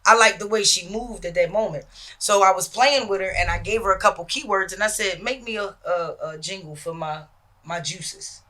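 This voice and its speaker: A man with an American accent chats in a high, bright voice. He tells stories casually, in slangy, conversational speech. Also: moderate pace. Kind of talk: casual storytelling chat.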